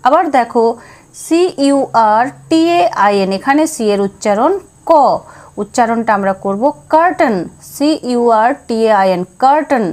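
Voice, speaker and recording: A woman teaches letter sounds in a lesson. She talks slowly and spells each word out one letter at a time. Her voice sits fairly high. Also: animated, a little mellow. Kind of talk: phonics lesson.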